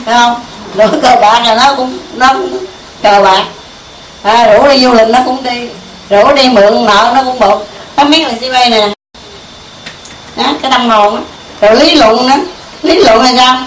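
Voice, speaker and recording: A woman's voice: fairly high pitch, slight background noise. A woman giving a folksy Buddhist sermon, full of rhetorical questions and small chuckles. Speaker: Buddhist preacher. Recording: echoey room from far off.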